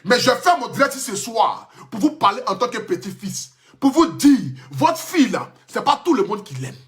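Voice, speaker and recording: A man's voice: extremely high pitch, very animated, normal speed, a bit bright, soft background music. A man with an Ivorian French accent giving an emphatic, impassioned live stream rant into his phone. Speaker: social media personality.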